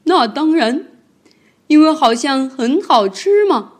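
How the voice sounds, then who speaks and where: Sneaky hungry villain dino, a lady puts on, slow sneering chuckle. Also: sits high, expressive, pitched above the performer's own voice. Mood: sly. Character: sly hungry male predator dinosaur, menacing.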